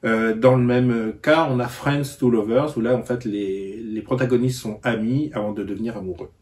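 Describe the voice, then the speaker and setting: Halting man explaining in a vlog. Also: medium pitch, fairly even intonation, a little mellow. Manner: halting, searching for words. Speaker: book vlogger.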